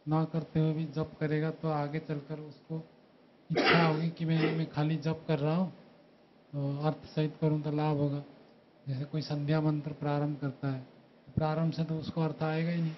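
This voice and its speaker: A man, a student monk, earnestly arguing his view to his teacher. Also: fairly high pitch. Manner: earnest, argues his point. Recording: dull lo-fi recording with faint room noise.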